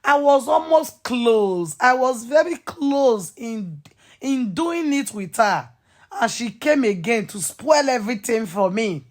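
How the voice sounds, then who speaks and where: A woman's voice: a little high, expressive, takes it slowly. A woman voicing a whiny cheating husband.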